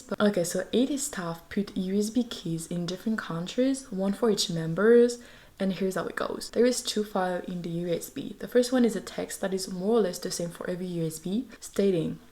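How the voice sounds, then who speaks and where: A woman's voice: on the low side, a little mellow. A woman fan vlogger recapping in a casual, gushing way, swearing freely and dropping into whispered asides.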